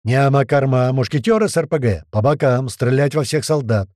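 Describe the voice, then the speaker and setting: A man voicing a rough, profane squad commander who shouts crude orders in battle. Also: medium pitch, expressive, normal speed, no echo, clean studio sound, natural voice. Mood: yelling orders.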